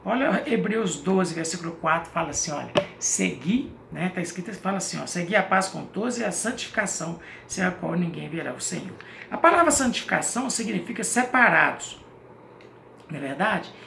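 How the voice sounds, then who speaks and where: Gravelly-voiced man preaching in an echoey room. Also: high-pitched, bright, forceful tone. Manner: asks questions and answers them himself, reads scripture aloud. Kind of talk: Bible teaching sermon. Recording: echoey room with faint noise.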